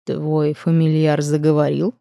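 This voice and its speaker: A woman doing warlock dean, calm, wry, slightly lower, storybook, mellow. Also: normal speed, no echo, clean studio sound, close to an everyday voice.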